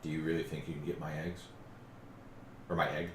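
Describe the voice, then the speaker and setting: A man voicing a haughty, bargaining female dragon with measured speech, in a tabletop game. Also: extremely low pitch, little pitch movement, echoey room, a little hiss or hum. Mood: taunting. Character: bargaining female dragon speaking telepathically, protective of eggs.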